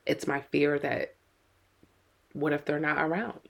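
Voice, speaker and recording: A woman's voice: deep voice, fairly even intonation, measured pace, vocal fry. A middle-aged woman co-hosting a podcast as a mother, talking earnestly and with worry, often repeating her words. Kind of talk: casual podcast chat.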